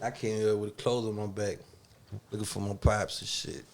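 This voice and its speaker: A man's voice: fairly low pitch, flat delivery, moderate pace, darkish tone. A man in his forties from Germany, a guest telling a profane story with laughs on a casual podcast. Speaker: guest rapper.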